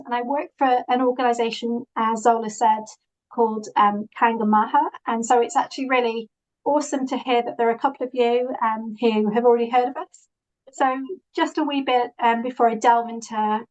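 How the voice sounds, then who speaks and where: A woman's voice: fairly high pitch, poor audio. A woman with a Yorkshire accent, presenting to an online meeting in an earnest way with many fillers and restarts, heard over a video call. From England. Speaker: guest presenter.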